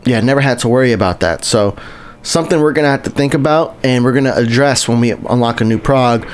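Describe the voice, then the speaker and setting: Here a man with a mid-range voice talks at a quick pace while live-streaming gameplay. It's casual, rambling commentary, with frequent restarts and greetings to the people in his chat.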